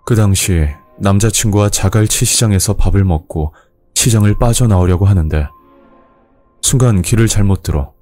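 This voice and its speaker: A man's voice: deep voice, dark tone. A man narrating a scripted first-person horror story.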